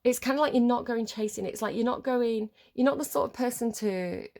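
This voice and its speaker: A woman's voice: on the high side, brisk, vocal fry, darkish tone. A woman giving a casual, chatty tarot reading in a rambling, informal way, her voice slightly muffled by a head cold. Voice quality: slightly muffled, congested nose. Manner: rambling, informal, often checks with "right?". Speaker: tarot card reader.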